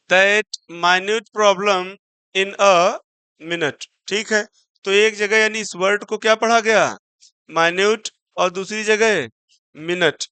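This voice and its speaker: A man's voice: high voice, sharp tone, clear, resonant tone, no echo. A man teaching an exam-prep English vocabulary lesson, mixing Hindi with English terms, asking his own questions and spelling words out letter by letter. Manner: spells words out letter by letter and slows right down on example sentences.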